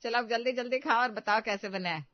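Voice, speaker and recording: Pitching her voice fairly high with light acting, a woman voices the bragging, domineering mother-in-law of a cartoon tale, handing out orders. The sound is dull and dry lo-fi, with no echo.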